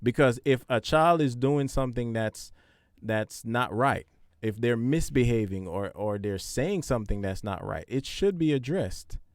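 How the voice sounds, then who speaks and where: A man's voice: mid-range voice, animated, unhurried, dry recording. Man in a dry, close sound. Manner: conversational, repetitive, preachy. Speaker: podcast host. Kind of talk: casual advice talk.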